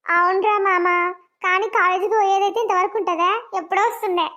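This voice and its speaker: A high voice doing a teasing village buddy. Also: fairly even intonation, a little fast, over music. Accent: Telangana Telugu. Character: loyal young male village friend, teasing.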